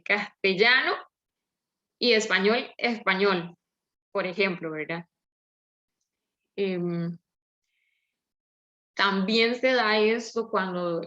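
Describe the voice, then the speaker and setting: A woman's voice: mid-range voice, fairly bright tone. A young woman with a Latin American Spanish accent giving a hesitant class presentation, with many fillers. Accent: Latin American Spanish, seseo. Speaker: student presenter. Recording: dull lo-fi audio.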